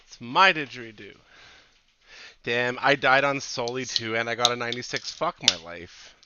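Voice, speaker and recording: A man leading a raid group over casual gaming voice chat, relaxed and swearing freely as he organizes everyone. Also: mid-range voice, moderate pace, lo-fi sound, heavy background noise. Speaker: raid leader and streamer.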